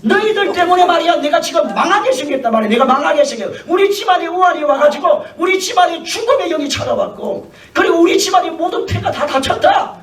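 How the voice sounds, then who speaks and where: A male preacher voicing an angry ancient king who shouts and crudely scolds his ministers. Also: very high voice, sing-song, moderate pace, far from the mic, full character voice. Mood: angry scolding. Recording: echoey church hall, mic from afar.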